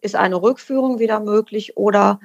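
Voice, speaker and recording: A woman speaking as an official, explaining in measured, formal phrasing. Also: medium pitch, creaky, dull audio. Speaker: deputy head of a youth welfare office. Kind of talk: explanatory interview talk.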